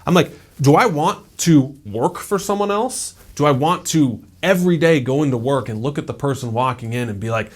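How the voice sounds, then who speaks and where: A man's voice: medium pitch, moderate pace, hardly any pauses. A man in his thirties giving a casual, conversational motivational talk as a self-improvement YouTuber, peppering his speech with "like" and "right?".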